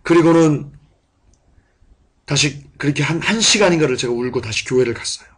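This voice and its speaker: A man preaching a sermon and telling a personal testimony, moving between hushed, quiet recollection and loud, passionate outbursts. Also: a little high, expressive, fairly quick, breathy edge. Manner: impassioned, swings from hushed to shouting.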